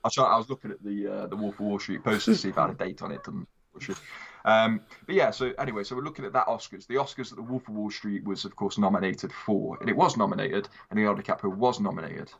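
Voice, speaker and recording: Male co-host for loose film banter: lowish voice, informal, digressive, slightly muffled sound. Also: fast, vocal fry, fairly bright tone, breathy edge. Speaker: co-host of a film review show. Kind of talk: casual film discussion.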